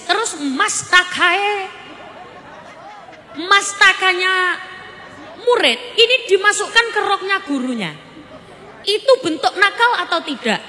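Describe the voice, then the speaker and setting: A woman preacher giving a humorous village sermon in a lively, joking way, quizzing her audience. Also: very high voice. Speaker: Islamic preacher. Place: village gathering. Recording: reverberant PA with faint crowd and noise.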